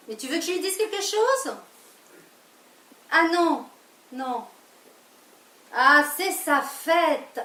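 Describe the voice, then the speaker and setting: A woman's voice: high voice, fairly bright tone, full character voice. A woman acting a flustered, defensive wife caught in a lie, in a live stage play, recorded from a distance in an echoey theatre. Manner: flustered, quick protests and repeated denials. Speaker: stage actor. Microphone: distant room mic.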